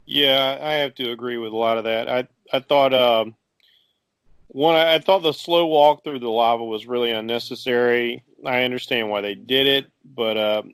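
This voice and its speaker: A man's voice: medium pitch, moderate pace, a bit bright, clear, resonant tone, no room sound. Rambling male podcast co-host, dry sound. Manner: rambling, lots of fillers, laughs easily. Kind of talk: casual chat.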